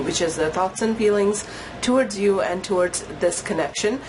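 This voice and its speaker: Woman, nasal cold voice, lowish pitch, casual tarot chat, faint hiss behind. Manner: chatty, filler-heavy, apologetic. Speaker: tarot reader. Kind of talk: casual pick-a-pile tarot talk.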